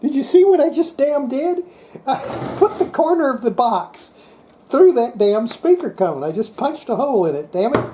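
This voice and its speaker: Hosting a radio repair video, a woman talks casually to herself at her repair bench, exasperated and swearing mildly under her breath. Her voice is high-pitched and very animated, with a warm tone and moderate pace. Slight background noise is present.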